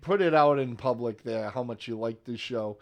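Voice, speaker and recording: A man's voice: mid-range voice, normal speed. A man co-hosting a movie podcast in casual, joking banter with his co-host. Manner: jokey, playful banter. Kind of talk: casual chat.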